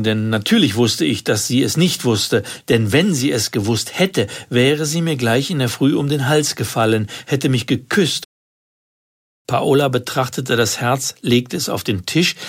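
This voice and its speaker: A man reading his own humorous story in a dry, wry, measured way on the radio. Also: mid-range voice. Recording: radio studio.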